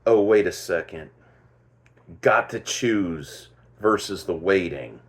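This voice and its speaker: A man with a fairly low voice talks slowly and unhurriedly, giving casual commentary as the host of his own show. He thinks aloud and often stops to correct himself. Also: animated.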